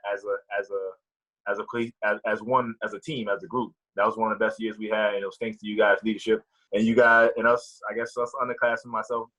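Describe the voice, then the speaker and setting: A man thanking his teammates on a video call. He talks haltingly and stumbles over his words. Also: fairly low pitch, pushed and bright, low-quality recording. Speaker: former player on a team reunion call. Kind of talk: casual thanks and reminiscing.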